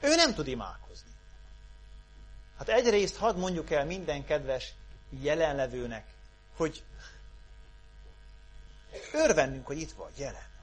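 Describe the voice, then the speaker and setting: A man preaching a sermon, moving from loud calls down to hushed pleas. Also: a little high, sing-song, long pauses. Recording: mains hum underneath.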